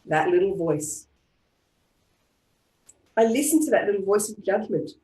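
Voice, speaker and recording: A woman with an Australian accent leading a live online group tapping class, speaking in calm, repeated affirmation-style phrases. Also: mid-range voice, unhurried. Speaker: EFT tapping practitioner. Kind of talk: guided group tapping session. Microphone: online video call. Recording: roomy echo.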